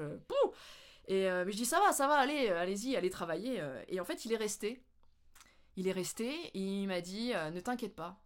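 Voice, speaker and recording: Chatty French woman telling funny stories. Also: on the low side. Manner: animated, laughing, with playful English mimicry. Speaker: vlogger. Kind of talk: casual storytelling.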